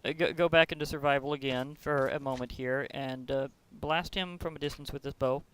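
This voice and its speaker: Bright excitable gaming commentator man. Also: mid-range voice, a little fast, a little hiss or hum. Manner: excitable, chatty, jokey. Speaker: host. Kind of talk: gameplay commentary.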